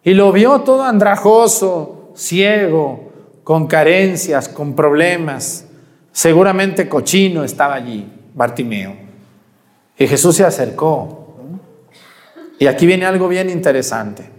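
A man's voice: fairly high pitch, expressive, slow pace, long reverb tail. A man preaching a sermon, asking the congregation questions and answering them himself.

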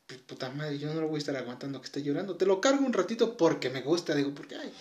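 A man's voice: a little high, lively intonation, rapid-fire, a little mellow, roomy sound. Young Mexican man, slangy and agreeable. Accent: Mexican Spanish. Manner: agreeable, slangy, laughs along. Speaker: conversation partner. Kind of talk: casual chat.

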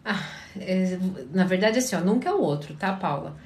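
A woman's voice: on the low side, moderate pace, reverberant. Tired woman with a Curitiba accent, advising. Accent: Curitiba Portuguese. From Paraná, Brazil. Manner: calm, advising, often checks in with listeners. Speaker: therapist answering viewers' questions. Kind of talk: live Q&A advice chat.

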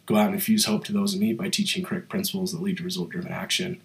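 A man's voice: sits low, fairly even intonation, racing, creaky, low-quality recording. A man hosting a podcast alone while he has a cold, so his voice sounds nasal, speaking in a motivational way with many fillers. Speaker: podcast host. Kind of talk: solo podcast monologue.

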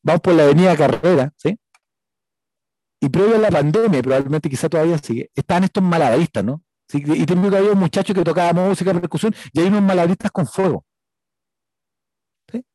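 Chilean preacher, soft dark voice. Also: male voice, fairly high pitch, fast, no room sound, poor audio. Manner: chatty, checks in with listeners by asking "right?". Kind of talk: conversational sermon with a personal story.

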